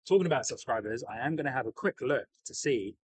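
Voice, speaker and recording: A man's voice: medium pitch, animated, fast, breathy edge, no echo, rough recording. A man with a broad New Zealand accent chatting casually as a livestream host, upbeat, matey and enthusiastic. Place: outdoors beside an airport.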